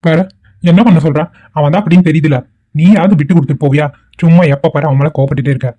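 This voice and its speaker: A man's voice: a little high, quick pace, highs cut off, lightly acted. A man voicing an easygoing, teasing cartoon dad. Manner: calm, teasing, lecturing. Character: easygoing middle-aged father indulging his son.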